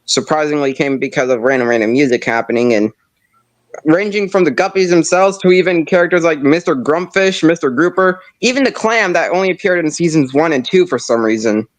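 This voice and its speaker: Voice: mid-range voice, expressive, fairly quick. A streamer chatting casually on a live stream, rambling with many restarts.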